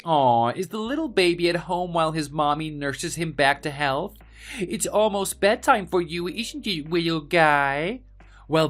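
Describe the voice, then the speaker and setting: An actor playing an arrogant, spoiled young heir who bullies office workers in a dramatized story, with a mocking, pompous manner. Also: male voice, on the high side. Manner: mocking, pompous, loud swings of emphasis.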